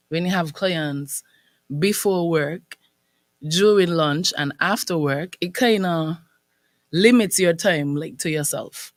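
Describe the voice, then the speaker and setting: A young woman, a business owner, speaking as a guest on a radio interview, articulate and quick to laugh. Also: sits low, no room sound. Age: young adult. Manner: articulate, laughs often, upbeat. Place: radio studio.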